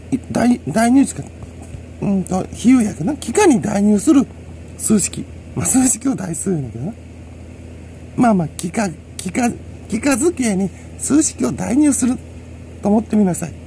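A man's voice: high voice, gravelly, warm tone, a little hiss or hum. A man with a Kansai accent, rambling through a solo monologue in a lecturing way and chuckling to himself. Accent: Kansai Japanese. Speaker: solo commentator.

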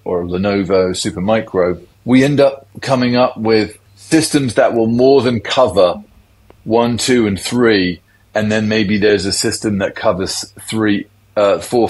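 A man's voice: on the low side, a little mellow, rough recording. A middle-aged man, a tech industry guest, explaining things in a loose, conversational interview.

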